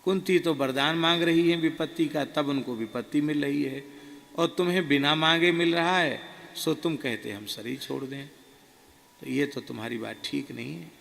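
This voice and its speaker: A man voicing his elderly guru, who is affectionate and gently scolding and asks emphatic questions. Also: on the high side, fairly even intonation, moderate pace, creaky, big-room sound. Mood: gently chiding. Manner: warm admonishing, emphatic questions.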